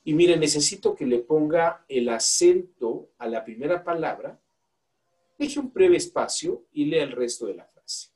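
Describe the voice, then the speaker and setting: A man's voice: fairly high pitch, animated, a little slow, a little mellow. A man with a Mexican accent teaching a law class, asking the students questions and coaxing volunteers to read aloud. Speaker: law course instructor. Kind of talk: classroom lecture.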